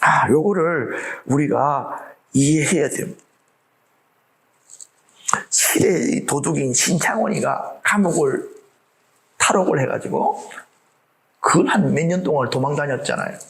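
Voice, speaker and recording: Gravelly animated preaching man. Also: a little high, a little slow, long pauses, poor audio. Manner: animated preaching, acts out quoted voices, rhetorical questions. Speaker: pastor. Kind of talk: sermon.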